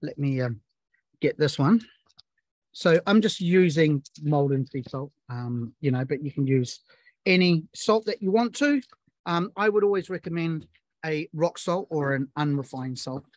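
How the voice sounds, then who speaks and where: A man's voice: fairly high pitch, expressive, measured pace, a little mellow, no room sound. A man from New Zealand, a barbecue chef, chatting casually and explaining cooking step by step with plenty of fillers. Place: outdoors at a barbecue.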